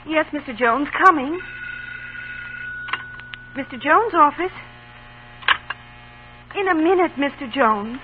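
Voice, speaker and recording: An actress playing a busy office secretary in a 1930s radio ad, brisk and dutiful. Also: female voice, high voice, lively intonation. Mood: harried. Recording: tinny old radio broadcast with hum.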